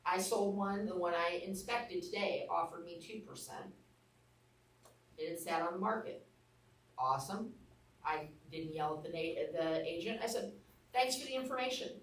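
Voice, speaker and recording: In a training room with an echoey sound and a far-off mic, a woman with an Arkansas accent and a lowish voice leads a real estate class at a moderate pace. She shares candid stories bluntly and down-to-earth.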